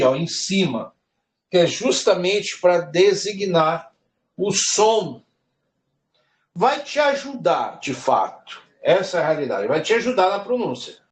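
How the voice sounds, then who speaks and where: Slow, high-voiced man teaching Hebrew. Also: roomy sound. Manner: explains slowly, addresses students by name, frequent "tá?". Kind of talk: live online class lesson.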